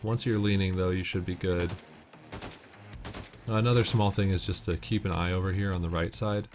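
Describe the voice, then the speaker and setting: Over game music and gunfire, a deep-voiced man talks in a steady tone at a moderate pace. He narrates his gameplay in a casual, matter-of-fact way, offering tips along the way.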